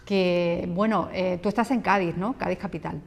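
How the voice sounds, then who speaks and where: A woman's voice: lowish voice, steady tone, moderate pace, creaky. A woman hosting a local TV interview, asking questions in a conversational way with some fillers. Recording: long hall reverb.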